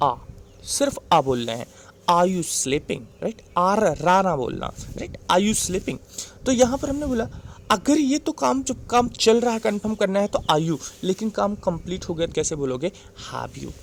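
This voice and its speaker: A male English teacher with an Indian accent walks through a grammar lesson step by step. He repeats each point patiently and keeps pausing to check that the class is following. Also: high voice, a little hiss or hum. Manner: patient, repetitive, checks in with "right?".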